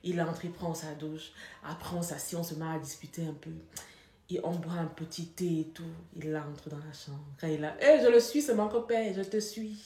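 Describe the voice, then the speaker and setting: A young woman tells a personal story casually and with animation, laughing and leaning hard on the dramatic moments. Her voice is low for a woman and moves at normal speed, and the recording carries a roomy echo.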